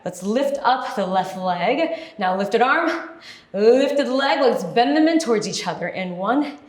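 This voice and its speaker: Woman aerobics instructor, highish voice, encouraging, counting out moves in an echoey room. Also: lively intonation, a little slow. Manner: encouraging, directive, short counted cues. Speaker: fitness instructor leading a workout class. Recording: echoey, roomy sound.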